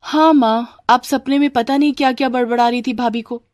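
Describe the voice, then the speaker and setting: A woman puts on a meddling young sister-in-law in an animated storybook, high and eager, quick to tattle. The voice sits close and dry. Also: no room sound, natural voice. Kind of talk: Hindi storybook voice acting.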